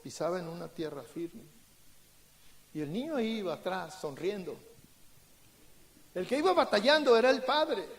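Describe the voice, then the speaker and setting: Very high-voiced pastor. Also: male voice, creaky. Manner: storytelling, acting out dialogue. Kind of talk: sermon.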